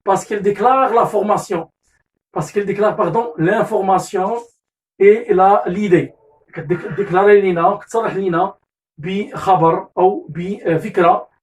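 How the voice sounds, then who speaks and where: A man's voice: high voice, normal speed. A man with a Moroccan accent teaching a grammar lesson, repeating key terms, correcting himself and switching into Moroccan Arabic asides. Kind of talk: classroom lesson explanation. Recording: voice distant from the mic.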